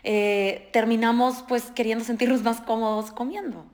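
Woman, nutritionist guest, lively explainer, slightly high voice. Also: moderate pace. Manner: animated, explanatory, acts out patients' quotes. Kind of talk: casual podcast conversation.

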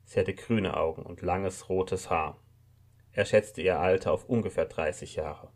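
A man narrating a short story in a calm, measured reading. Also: low voice.

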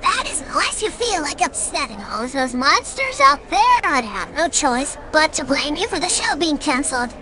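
A man's voice: very high voice, big pitch swings, moderate pace, hardly any pauses, sharp tone, a little hiss or hum, pitched above the performer's own voice, full character voice. A man voicing a pushy, sly female hobgoblin show host in a tabletop role-playing game. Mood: sly, threatening. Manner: bellowing showmanship, sly and coercive. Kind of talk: tabletop role-play character voice.

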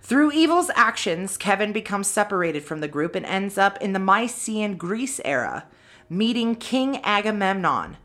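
A woman's voice: medium pitch, big pitch swings, moderate pace, a bit bright. Casual, swearing woman recapping a movie. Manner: swears freely, summarizes plot with wry asides. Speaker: podcast co-host. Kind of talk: casual chat, recapping a film plot.

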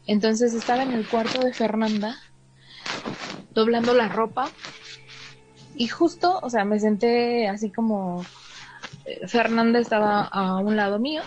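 Soft music plays behind this woman's fairly high voice as she tells a story at a measured pace with long pauses. Her Mexican Spanish accent comes through as she chats casually to a listener, dropping in "o sea" and small asides and performing the dialogue. There's faint noise and a slightly dull quality to the audio.

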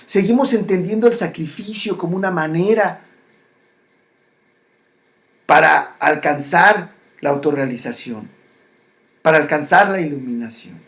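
A speaker gives a reflective spiritual monologue. The delivery is slow, with repeated phrases and frequent pauses and restarts. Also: mid-range voice, fairly bright tone.

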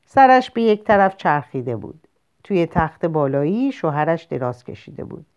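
A woman narrating a short story in a measured, expressive audiobook reading. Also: deep voice. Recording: lo-fi muffled recording.

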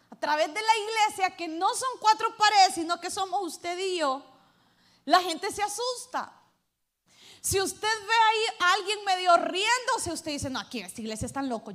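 A woman pastor, preaching a sermon to her church, swinging between loud calls to the congregation and hushed asides. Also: very high voice.

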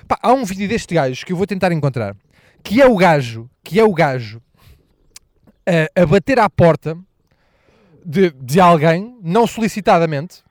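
A man's voice: sits high, no room sound, studio quality. A man with a European Portuguese accent, ranting crudely and rambling as a comedy podcast host, mocking people with impressions. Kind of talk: casual comedic podcast rant.

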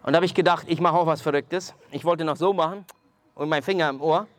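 A man preaching, telling a testimony in an animated storytelling way and speaking straight to his listeners. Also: on the high side, quick pace. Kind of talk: sermon testimony.

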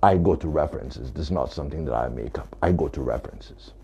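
Very deep gravelly man, emphatic. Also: fast, warm tone. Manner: emphatic, repeating points. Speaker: author. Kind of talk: talking to camera about his book.

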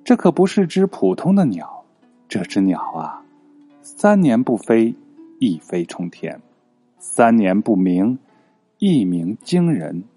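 A bold young king with a warm, slightly husky voice that rises high when roused, as a man puts him on. His delivery is lively and full of swings. Storybook reading. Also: slow pace, soft background music, heavily acted. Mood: knowing. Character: young male king, playful then resolute.

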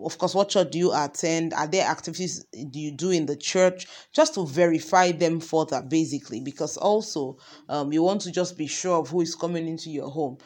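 A woman's voice: fairly low pitch, a little mellow. A woman teaching an informal parenting lesson, talking conversationally with many example questions. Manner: conversational, asks many example questions, frequent ums and you knows.

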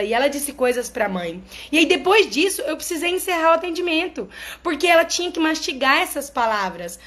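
A high-pitched woman talks casually to her followers as a therapist. Her delivery is chatty and explanatory, and she keeps checking in with the people listening. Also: a bit bright.

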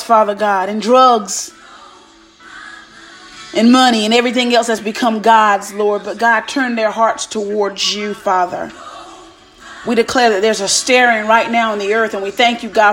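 High-voiced woman in fierce, commanding prayer. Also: fairly even intonation, moderate pace, a bit bright. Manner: fervent, commanding, declaring; repetitive, punctuating phrases with invocations of God. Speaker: preacher leading prayer. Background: music.

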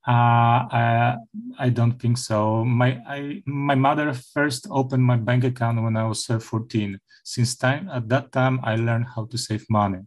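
Middle-aged male professor, halting interview answers full of fillers. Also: medium pitch, fairly even intonation. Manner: hesitant, many filler sounds and restarts. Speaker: university professor, interview guest.

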